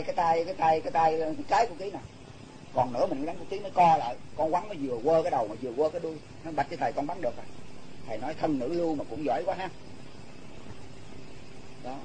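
A man with a fairly high voice tells devotional tales in a plain, homely way. He circles back over his phrases and restarts them as he goes. A faint hiss sits behind him. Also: darkish tone, low-quality recording. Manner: homely, repetitive retelling, often restarting phrases. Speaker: religious storyteller. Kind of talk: devotional storytelling to listeners.

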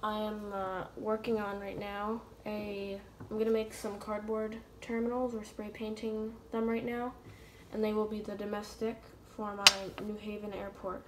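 A woman giving a casual unboxing review of a scale model, filmed on a phone, hesitant with many ums and pauses. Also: medium pitch, flat delivery, darkish tone, a little hiss or hum. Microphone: phone camera.

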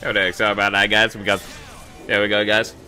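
A man's voice: fairly low pitch, little pitch movement, fast, bright, forceful tone, soft background music. A man co-hosting a game stream with casual, slangy chat and commentary. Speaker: stream co-host.

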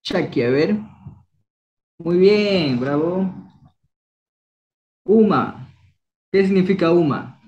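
A man's voice: high-pitched, expressive, drawn-out words, long pauses, darkish tone, lo-fi sound. A young man from Ecuador teaching a language class, coaxing students with encouraging quiz questions. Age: young adult. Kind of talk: online class, quizzing students.

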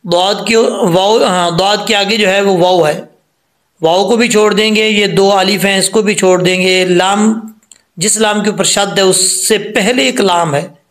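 A man teaching Quran pronunciation, patiently explaining each mistake step by step and then reciting the verses slowly in a chanted voice. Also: high voice, a bit bright. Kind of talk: tajweed lesson with slow chanted recitation.

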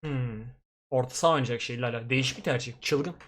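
A young man streaming a football video game, commenting live, swinging from grumbling to excited shouting. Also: medium pitch, fast. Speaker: gaming streamer.

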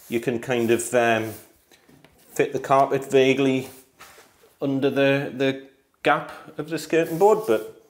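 A man in his thirties, a handyman, chatting through a DIY tutorial and thinking aloud as he tidies a room under renovation. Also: medium pitch. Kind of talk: DIY tutorial walk and talk.

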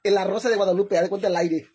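A woman with a Mexican accent chatting casually on a livestream, talkative and animated, laughing often and calling her viewers "hermanas". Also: medium pitch, brisk, slightly rough. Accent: Mexican Spanish. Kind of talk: casual livestream chat to followers.

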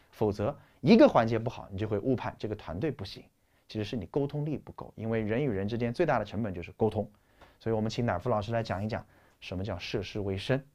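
A man lecturing a class at a brisk, rapid pace. He speaks to the students directly in an urging tone, like a company boss giving young people advice. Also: on the low side, a little mellow.

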